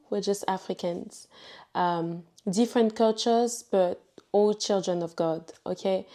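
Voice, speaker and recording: A young woman from Ivory Coast, a native French speaker with an Ivorian accent, telling her personal story casually as a vlogger, chatty and unhurried with emphatic asides. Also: mid-range voice, warm tone. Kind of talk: casual personal testimony to camera.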